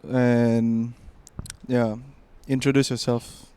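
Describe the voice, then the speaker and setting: A young man hosting a casual podcast chat, relaxed and full of fillers. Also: medium pitch, very slow, smooth. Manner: relaxed, filler-heavy, trailing off. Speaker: podcast host.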